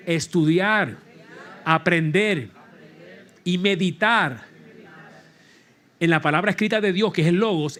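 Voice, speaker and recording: A middle-aged man preaches in a church sanctuary. His voice sits somewhat high for a man. He delivers the sermon animatedly, laughing and leading call-and-response. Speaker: pastor.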